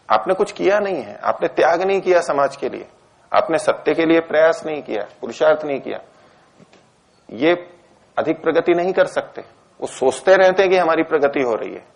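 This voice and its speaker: Gravelly-voiced man giving a calm lecture. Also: fairly high pitch. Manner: calm, measured, explanatory. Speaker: Ayurveda teacher answering questions. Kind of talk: Hindi discourse lecture with Q&A.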